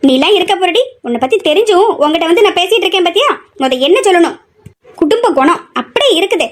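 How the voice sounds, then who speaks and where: A woman's voice: extremely high pitch, lively intonation, fast talker. A woman playing a nagging middle-aged mother in a family comedy skit, scolding and complaining nonstop.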